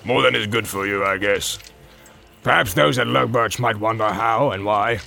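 A man's voice: lowish voice, lively intonation, normal speed, vocal fry, bright, forceful tone, husky, soft background music, heavily acted. A man voicing a brutal, bossy male orc captain who barks and mocks. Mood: commanding. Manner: barking, mocking, commanding.

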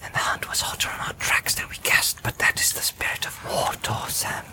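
A man voicing a cautious male hobbit, speaking in a hushed whisper. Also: brisk, natural voice.

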